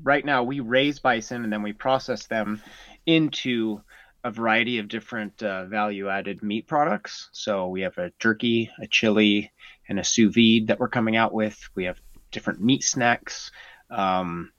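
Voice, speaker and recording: Halting low-voiced man rancher. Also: fairly even intonation, fairly bright tone, no echo, muffled recording. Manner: halting, many ums and pauses. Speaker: bison rancher, guest. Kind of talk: casual podcast interview.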